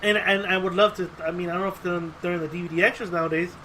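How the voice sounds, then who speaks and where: Racing along in a high-pitched voice, a man chats casually on a podcast as co-host, swearing and rambling through animated stories with acted-out quotes. The recording is low quality, with slight background noise.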